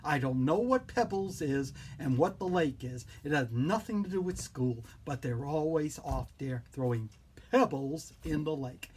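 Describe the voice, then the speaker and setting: A clown performer voicing a whimsical, prim school teacher in a silly storytelling manner, with a husky voice. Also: mid-range voice, animated, measured pace, darkish tone, slight background noise, natural voice. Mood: whimsical, mock-indignant.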